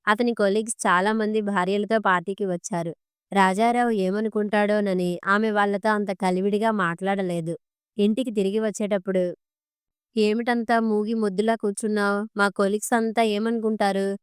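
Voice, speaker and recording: Smooth, clear Telugu woman storyteller. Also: mid-range voice, fairly even intonation, moderate pace, no room sound, clean studio sound. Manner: reads all characters' dialogue in her own voice. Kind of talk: audiobook story narration.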